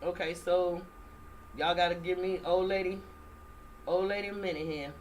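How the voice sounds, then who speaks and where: A woman's voice: lowish voice, fairly even intonation, normal speed, a little mellow. A middle-aged woman comedian telling stories in a brash, profane, casual way. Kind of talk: casual chat. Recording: distant mic with faint room noise.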